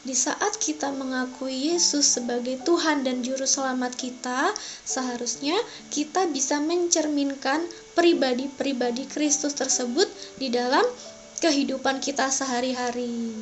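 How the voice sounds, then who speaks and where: A high-pitched woman speaks to young children as their Sunday school teacher. Her delivery is simple, sing-song and coaxing, the way one talks to little kids. Faint music plays behind her. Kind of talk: children's Bible lesson, addressing young kids directly.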